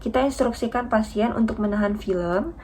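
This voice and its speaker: A young woman's warm, husky, fairly high-pitched voice proceeds at normal speed. A dental student, she explains a radiography procedure step by step in a polite, formal, methodical skills demonstration.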